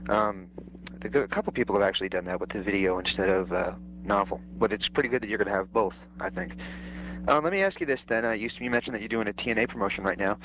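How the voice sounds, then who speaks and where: A man's voice: on the low side, quick pace. A man hosting a show, interviewing guests in a casual radio style. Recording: muffled lo-fi recording, faint noise.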